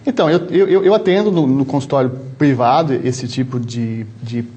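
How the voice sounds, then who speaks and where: A man with a São Paulo interior Brazilian accent, a doctor answering interview questions in a measured, explanatory way with frequent restarts. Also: mid-range voice, warm tone. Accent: São Paulo interior Brazilian Portuguese. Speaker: travel medicine doctor, guest.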